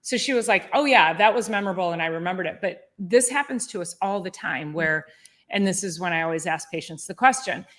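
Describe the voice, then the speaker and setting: A woman's voice: lowish voice, fairly bright tone. A woman co-host chatting casually, rambling through a personal anecdote. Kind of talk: casual chat.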